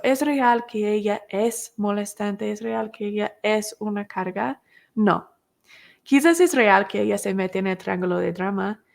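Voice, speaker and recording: A woman's voice: medium pitch, gravelly. A woman, teaching a recovery class podcast and explaining each step with rhetorical questions.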